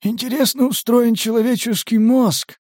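A man voicing a husky, ironic mercenary medic who muses philosophically. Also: very high-pitched, fairly even intonation, normal speed, darkish tone, no room sound, clean studio sound, pitched above the performer's own voice. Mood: musing ironic. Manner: musing, ironic.

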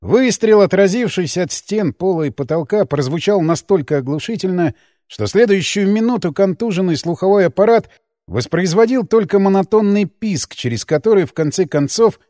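A man narrating an audiobook in a scripted, expressive, measured way. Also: high voice, no room sound, studio quality.

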